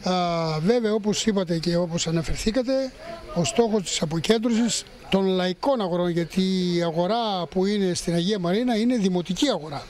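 A man in his sixties speaking haltingly in a news interview, as a municipal councillor, into handheld microphones outdoors. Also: high-pitched, darkish tone. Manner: halting, with pauses mid-sentence. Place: outdoor street market. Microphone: handheld press microphones.

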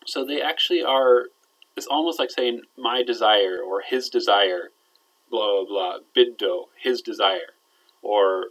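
A man's voice: lowish voice, low-quality recording. A man explaining verb grammar to his students in a recorded lecture, checking in with them often and letting his voice drop at the ends of phrases. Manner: explanatory, checks in with "all right?", trails off quietly at ends of phrases. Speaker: Arabic teacher.

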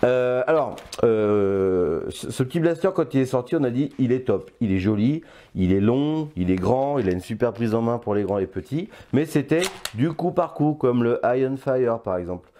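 A man's voice: medium pitch, expressive, normal speed, few pauses, dark tone, slight background noise. An older man reviewing a toy blaster in casual, playful chat, often stopping to hesitate. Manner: chatty and playful, with many hesitations.

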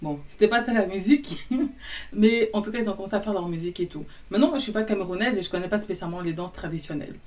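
A young woman telling a casual storytime to camera, animated, acting out both sides of a conversation. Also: medium pitch, fast, far from the mic.

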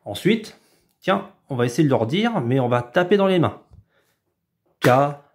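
A man, a preschool teacher, explaining a home activity to parents in a patient, step-by-step way, sometimes stretching words out slowly. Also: on the high side, sing-song, darkish tone. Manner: patient, explanatory, drawn-out syllables when demonstrating. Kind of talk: instructional video for parents.

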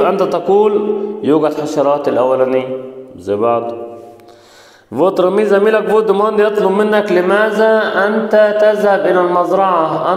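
Egyptian guy teaching french off the textbook, kinda high voice, drops low on the answers, big echoey reverby room. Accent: Egyptian Arabic. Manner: reads each choice, then drops his voice to give the answer. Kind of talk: textbook exercise walkthrough.

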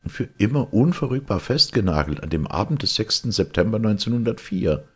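A man voicing an excitable, gloomy male time traveller in an audiobook, speaking with raised, urgent insistence. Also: fairly low pitch, fairly quick, breathy edge, voice pushed up. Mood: insistent. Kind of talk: audiobook character reading.

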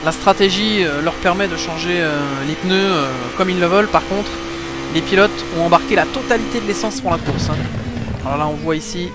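A man works as a motorsport commentator, calling a sim race live in a slightly high voice. He explains things for viewers as he goes, with race car engines clearly audible behind him. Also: fairly quick. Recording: clear background engine noise.

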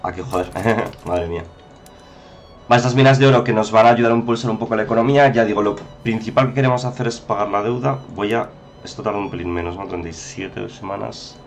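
A man's voice: lowish voice, quick pace, creaky, faint music behind. A man giving chatty, casual commentary over a strategy game, often exclaiming and talking to viewers. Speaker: gameplay commentator.

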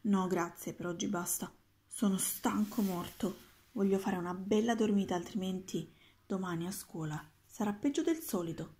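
A woman's voice: mid-range voice, normal speed, a little mellow, lightly acted. A woman voicing a curious, doubtful schoolboy in a storybook, who protests and questions.

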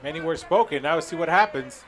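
A man giving color commentary on a wrestling match in a measured, analytical way. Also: on the high side, lively intonation, a bit bright, rough recording.

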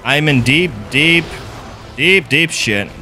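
A young man from the Netherlands speaks slowly in a higher voice, with slight background noise, as he streams a game live from his gaming room. His Dutch-accented commentary is excitable and full of free swearing, and he reads viewers' chat aloud.

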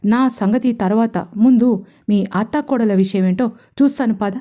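A woman's voice: a little high, moderate pace, close to an everyday voice. A woman voicing a protective young husband who talks firmly and teases his wife in an audio story. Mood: teasing firm. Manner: firm and forceful. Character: protective, teasing young husband, quick to anger.

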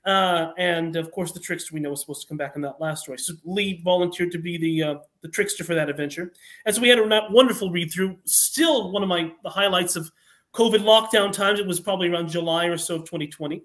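A man with a high-pitched, fairly bright voice talks fast as a guest on a casual podcast, joining over a remote online video call. A fan audio drama writer, he is discursive, rephrasing and elaborating as he goes.

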